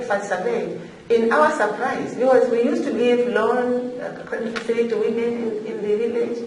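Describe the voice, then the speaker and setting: A Tanzanian woman from Zanzibar, an African regional official, gives semi-formal, unscripted remarks as a panelist at a forum. Her voice is medium-pitched and slightly mellow, her delivery halting but emphatic. The indoor room is echoey, the mic distant, and there's faint noise.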